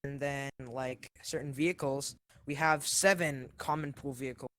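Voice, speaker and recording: A man's voice: medium pitch, steady tone, moderate pace, fairly bright tone, no echo. A man talking casually as a guest on an online voice call, hesitant and full of ums, with a choppy connection that keeps cutting in and out. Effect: choppy voice chat cutting in and out. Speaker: guest player on voice chat. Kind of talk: casual chat. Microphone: online voice chat.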